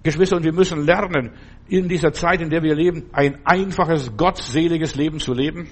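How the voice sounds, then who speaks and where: An older male preacher delivers an earnest, exhorting sermon, speaking straight to each listener. His voice sits a little high for a man and has a husky, breathy grain. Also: steady tone, brisk.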